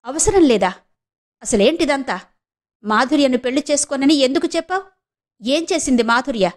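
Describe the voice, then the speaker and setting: A woman voicing a stern, proud middle-aged mother who scolds her son with sharp questions. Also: high voice, expressive, normal speed, pitched above the performer's own voice. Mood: scolding.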